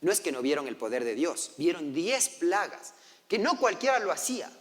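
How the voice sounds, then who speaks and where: A pastor with a somewhat high, bright voice talks fast and swings widely in pitch as he preaches a sermon. He tells the story, acts out the voices of its characters, and puts questions to the congregation. The church hall gives the recording a long reverb.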